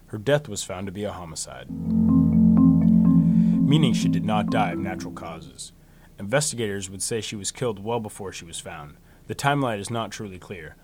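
A man hosting a true crime podcast, reading a scripted story in a solemn, measured way, with phrases that trail downward. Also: fairly low pitch, a little mellow. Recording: music behind the voice. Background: music bed.

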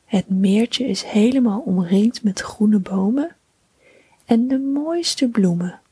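A woman narrates a children's bedtime story almost entirely in a breathy whisper. She speaks very slowly and soothingly, her voice close and dry with no room sound around it. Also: medium pitch, no echo. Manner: slow, soothing, calm.

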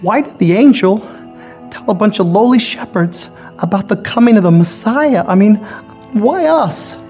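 A man's voice: high voice, lively intonation, normal speed, a little mellow, soft background music. A man playing a fussy, anxious shepherd in a comedic church skit, nitpicking and pleading. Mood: wondering.

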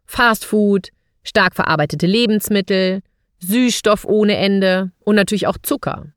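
A woman's voice: mid-range voice, measured pace, clear, resonant tone, dry recording, clean studio sound. A woman hosting a podcast, speaking straight to the listener in a scripted monologue full of rhetorical questions. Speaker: podcast host.

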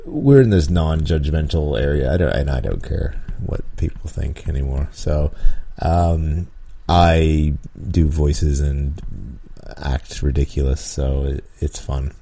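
Very deep and gravelly, his dark-toned voice moves slowly with hardly any pauses. He's a podcast host and dungeon master rambling through tabletop advice, chuckling a lot and often restarting with plenty of ums.

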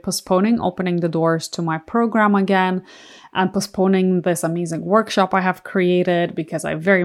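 Earnest woman podcast host, slightly low voice. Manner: earnest, confiding, many "like" fillers. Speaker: podcast host, mindset coach. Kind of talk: casual solo podcast monologue.

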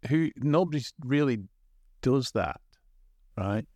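A man's voice: mid-range voice, animated, slow pace, darkish tone, dry recording. A man from England, a former co-host back as a guest, chatting casually on a podcast in a rambling, stop-start way. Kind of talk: casual chat.

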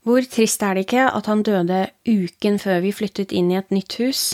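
A woman hosting a horror podcast, reading short scary stories aloud in a slow, hushed storytelling manner. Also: mid-range voice, dry recording, clean studio sound.

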